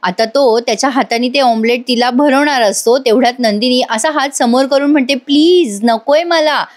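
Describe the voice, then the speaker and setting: A woman with a Marathi accent voices a chatty recap of a TV serial episode, speaking directly to her viewers and reading out lines of dialogue. Her voice is a little high and a little fast with fairly even intonation, captured in clean, echo-free studio sound.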